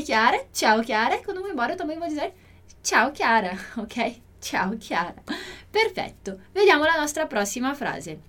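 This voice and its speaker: A woman teaching an online language lesson, modeling pronunciation by repeating words slowly and clearly. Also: high voice, a bit bright. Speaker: Italian teacher.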